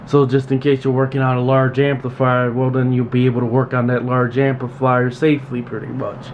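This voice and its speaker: Speaking a little fast at medium pitch, a man runs an unscripted tool tutorial as a radio repair technician. He keeps it plain and repetitive and stresses practical tips firmly. The recording is muffled, with constant background noise and room ambience.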